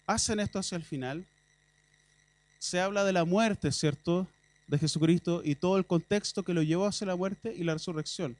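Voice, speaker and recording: A man's voice: high voice, a little mellow. A man with a Chilean Spanish accent preaching a sermon in a church, talking in a conversational way with ironic asides and emphatic bursts.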